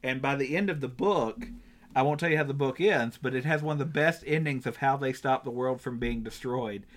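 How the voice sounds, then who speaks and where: A man's voice: mid-range voice, brisk. A man in his thirties, a podcast co-host, chatting enthusiastically and rambling with restarts. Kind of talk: casual chat.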